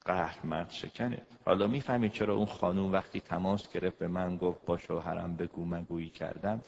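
A man giving a lecture of marriage advice as a family counselor, emphatic, acting out quoted husbands and wives with big swings in pitch and loudness. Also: steady tone, gravelly. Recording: dull, lo-fi recording with long hall reverb.

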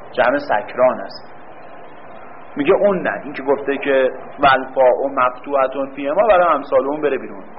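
A man giving a grammar lecture, quizzing the class with questions and answering them himself, stretching out key words. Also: mid-range voice. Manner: drawn-out stress on key words. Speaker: teacher. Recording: dull lo-fi recording with faint room hum.

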